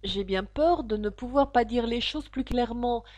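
A woman's voice: on the high side, moderate pace, darkish tone, no echo, voice pushed up, natural voice. Woman voicing a polite, flustered storybook girl. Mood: earnest. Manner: polite, earnest, a little flustered. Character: polite, confused young girl.

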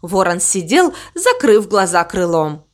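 A woman calmly narrating a children's story in a gently expressive way. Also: lowish voice, a little slow.

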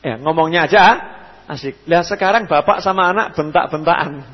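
A young Javanese man preaching at a mosque study session in a lively way, acting out the people he quotes. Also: fairly quick. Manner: lively, acts out quoted speakers with sudden jumps in pitch and loudness. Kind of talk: religious lecture answering questions. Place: mosque hall. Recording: dull, echoey hall radio recording.

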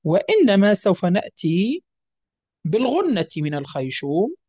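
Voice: mid-range voice, huge pitch swings, moderate pace, darkish tone, breathy edge. A Quran recitation teacher giving a methodical, step-by-step lesson, repeating each example and drawing out the nasal sounds to show them.

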